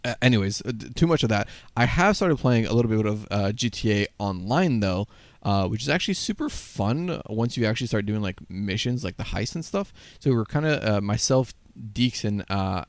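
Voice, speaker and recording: A man's voice: fairly low pitch, no echo. A man casually chatting about games on a podcast, rambling with lots of fillers and casual swearing. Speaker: podcast co-host. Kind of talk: casual gaming chat.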